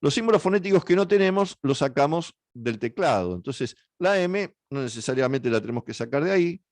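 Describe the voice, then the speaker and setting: A man with an Argentine Spanish accent leading a software workshop, talking through the steps with frequent fillers and self-corrections. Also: a little high, expressive, brisk, no echo. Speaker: workshop instructor. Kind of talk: software tutorial walkthrough.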